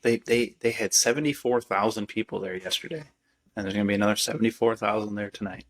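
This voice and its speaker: A man's voice: fairly low pitch, steady tone, fast. A man co-hosting a podcast in casual chat, rambling with repeated restarts and swearing. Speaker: podcast co-host.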